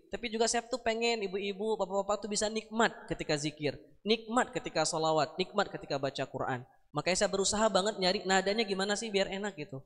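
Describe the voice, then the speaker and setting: Holding a handheld mic in an echoey mosque hall, a young preacher with a high-pitched, fairly bright voice gives a study session sermon. His talk is chatty and playful, punctuated by melodic, sung dhikr.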